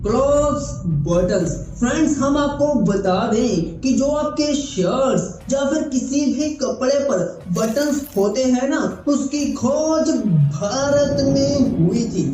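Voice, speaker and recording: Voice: sits high, expressive, slow, few pauses, dark tone, heavy reverb, low-quality recording. A facts channel narrator giving an earnest voice-over and addressing viewers directly.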